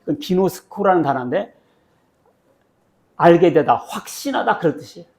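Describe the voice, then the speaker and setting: A man preaching a sermon as pastor, asking the congregation questions and answering them himself, and reading scripture slowly. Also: high voice, lively intonation, creaky, darkish tone. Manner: slow, drawn-out reading of scripture verses. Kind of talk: sermon with call-and-response Bible reading. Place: church sanctuary.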